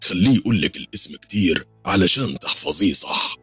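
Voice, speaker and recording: A man with an Egyptian accent voicing a calm, reassuring male jinn king. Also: low-pitched, a little fast, breathy edge, no echo, soft background music, heavily acted. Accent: Egyptian Arabic.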